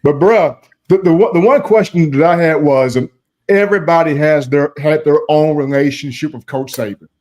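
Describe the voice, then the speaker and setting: A man's voice: fairly high pitch, moderate pace, darkish tone. A man interviewing someone in a casual, conversational style.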